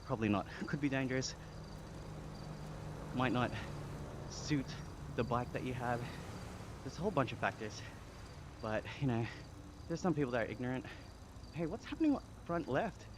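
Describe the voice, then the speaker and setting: A young Australian man from Sydney chatting casually on a live stream, relaxed and talkative as he reads and answers chat. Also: medium pitch, normal speed, pauses often. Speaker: livestreamer. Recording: clear background noise with insects.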